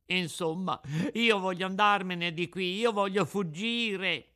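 A man's voice: fairly high pitch, expressive, a little slow, a bit bright, voice pushed up. A man voicing a frightened, whiny wooden puppet boy in an audiobook reading. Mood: scared pleading. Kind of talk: audiobook character voice.

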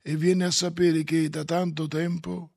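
Male narrator, measured and solemn, slow delivery, slightly high voice, faint music under him. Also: level tone, creaky, a little mellow, no room sound, studio quality. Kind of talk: audiobook reading of a classic novel.

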